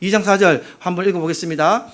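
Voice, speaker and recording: A man's voice: high-pitched, fast talker. A male pastor with a Gyeongsang accent, preaching a sermon with humor and questions put to the congregation. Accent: Gyeongsang Korean. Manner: lively preaching, asking the congregation questions, humorous personal stories.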